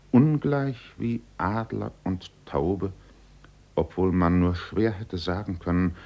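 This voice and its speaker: A man with a very deep, husky voice reads a story aloud in a slow, measured way. The narration is scripted and unhurried. The recording sounds dull and lo-fi. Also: darkish tone.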